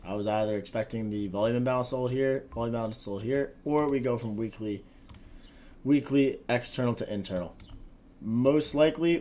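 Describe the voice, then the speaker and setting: A young man trading forex on a live stream, talking casually in slang with a husky voice like a smoker's, often mumbling and trailing off. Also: fairly low pitch, warm tone, a little hiss or hum.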